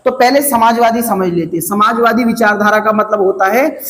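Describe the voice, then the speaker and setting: A man teaching an exam prep lecture, slowly repeating key phrases to drill his students. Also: high-pitched, fairly bright tone, slight background noise. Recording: echoey classroom, long reverb.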